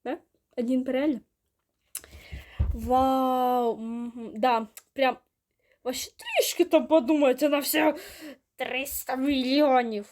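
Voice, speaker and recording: Young woman, reaction video host, chatty, exclamatory, high voice, occasional whispers. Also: fairly even intonation, slow, darkish tone. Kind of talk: casual reaction commentary.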